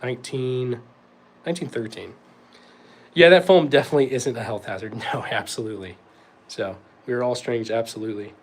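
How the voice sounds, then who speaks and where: A young North Carolina man with a medium-pitched, slightly breathy voice hosts a casual livestream Q&A. Talking a little fast, he answers chat questions in a relaxed, rambling style full of fillers.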